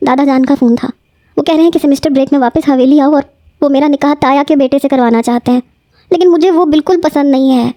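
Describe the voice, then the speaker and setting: A woman's voice: a little high, mellow, dry recording, studio quality, close to an everyday voice. A woman voicing a tearful pleading young student.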